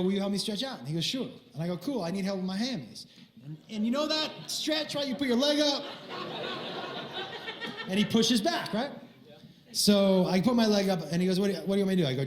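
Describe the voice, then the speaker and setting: A man's voice: high-pitched, roomy sound. A man doing stand-up, telling a crude prank story and acting out the other voices. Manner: animated, acts out voices and crude jokes. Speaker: stand-up comedian.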